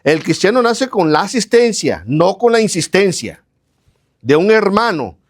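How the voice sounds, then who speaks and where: This man's voice sits high and is very animated, though his pace stays measured. He preaches a sermon, posing questions and answering them himself, repeating phrases in lists, and talking straight to his listeners.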